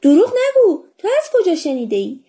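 A woman voicing a cheeky boy soldier who talks back quickly in a storybook reading. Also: very high voice, huge pitch swings, warm tone, voice pushed up, full character voice. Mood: questioning.

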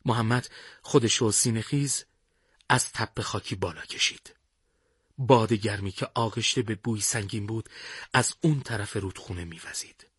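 A man narrating a scripted war story in a measured, dramatic way. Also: on the low side, a bit bright, breathy edge, no echo, studio quality.

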